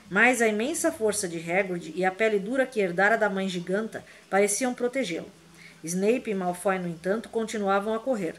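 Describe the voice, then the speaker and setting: A woman narrating a fantasy novel aloud with a vivid, dramatic reading. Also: medium pitch. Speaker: audiobook reader. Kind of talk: expressive audiobook narration.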